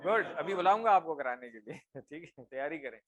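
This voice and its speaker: A man teaching a grammar class, drilling words slowly and often checking that his students follow. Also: on the high side, animated, crowd noise. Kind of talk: classroom lesson.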